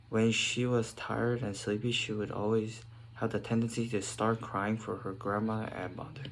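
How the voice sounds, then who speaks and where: A man's voice: fairly low pitch, slight background noise. A teenage boy from South Korea reading a prepared essay aloud in short phrases, with small slips and restarts. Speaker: student.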